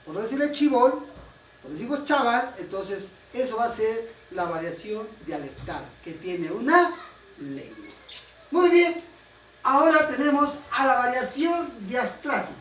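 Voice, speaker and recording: A man's voice: very high voice, big pitch swings, unhurried, fairly bright tone. A man with a Peruvian Spanish accent from Huancayo, teaching a class in an emphatic way and often asking students to confirm. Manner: emphatic, keeps checking with students. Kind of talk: classroom lecture. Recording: roomy, distant, faint room noise.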